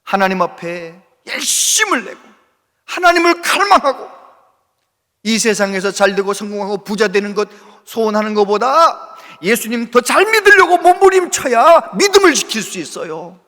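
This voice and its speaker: A man preaching a sermon as a pastor, impassioned and swinging between loud exhortation and hushed speech, often asking the congregation questions. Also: sits high, big pitch swings, normal speed, big-room sound. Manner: asks the congregation questions and calls for replies. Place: church sanctuary with long reverb.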